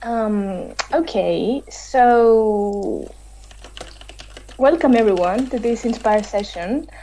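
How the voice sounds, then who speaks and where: Chatty woman hosting a panel, mellow voice. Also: a little high, very slow, slight background noise, poor audio. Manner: chatty, laughs easily, many fillers. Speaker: host. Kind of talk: hosting an online panel discussion.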